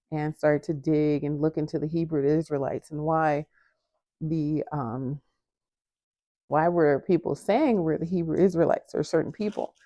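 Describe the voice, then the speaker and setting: A vlogger tells a lively story while baking in her home kitchen, chatting casually to the camera in front of her and acting out quoted voices with jumps in pitch. The sound is clean studio quality with no room sound.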